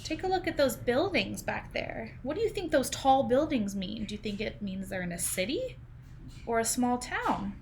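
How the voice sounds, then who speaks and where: A teacher in her thirties reads a picture book aloud to young children at home, her voice fairly high and sing-song at a moderate pace. She asks questions and explains things simply. It's a home video call from an indoor room, with clear background noise.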